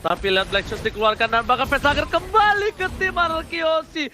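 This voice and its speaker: An Indonesian man commentating an esports match like an excited fighting game announcer, dramatic and hype-building, mixing in English catchphrases. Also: extremely high pitch, fast talker. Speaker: esports play-by-play caster. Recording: clear background noise behind voice.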